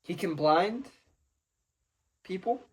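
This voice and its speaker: A man's voice: high-pitched, animated, takes it slowly, husky. A young man co-hosting a podcast, answering in a hesitant way with many fillers. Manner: hesitant, lots of ums, laughs along. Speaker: podcast co-host. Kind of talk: casual comedic chat.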